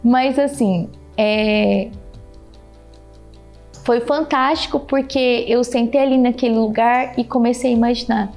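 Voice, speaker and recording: A woman giving a heartfelt personal testimony, animated, repeating her phrases and thanking God. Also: on the high side, a little slow, soft background music. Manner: animated, repeats phrases, keeps addressing the listener by name; religious, thanks God openly. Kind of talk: emotional personal storytelling.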